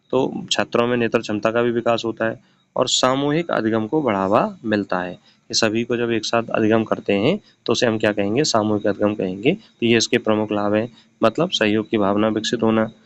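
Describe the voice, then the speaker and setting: A man teaching an exam-prep lesson. He poses a question, answers it himself, and restates each point in simpler words. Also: mid-range voice. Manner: explains each point, then asks and answers his own questions. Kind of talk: recorded classroom-style lecture. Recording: slightly dull, lo-fi audio.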